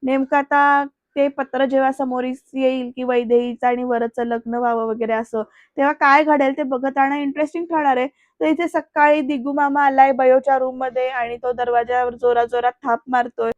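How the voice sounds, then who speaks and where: A woman gives a chatty recap of a TV serial and keeps turning to her viewers. Her voice is high and stays level in tone. The recording is dry, close and a little dull. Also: little pitch movement, moderate pace, dry recording. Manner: chatty, addresses the viewers directly. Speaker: TV serial reviewer.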